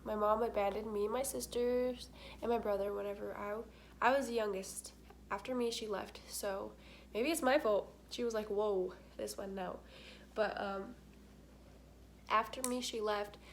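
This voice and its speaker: A young woman vlogger talks candidly and chattily to her camera, her nose congested and her breath short, peppering everything with "like" and other fillers. Her mid-range voice holds a fairly even intonation at a moderate pace, with slight background noise.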